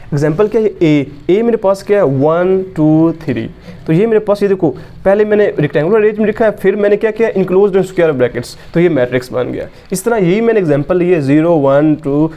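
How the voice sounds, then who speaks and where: A man with a high voice and a mellow, relaxed tone teaches math at a whiteboard. He walks through each step and keeps asking the class rhetorical questions before he answers them himself.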